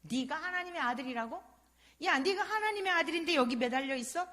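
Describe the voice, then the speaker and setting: Mocking thief on a cross, put on by a woman preacher, jeering, scornful, raised pitch. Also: expressive, a little fast, bright, forceful tone.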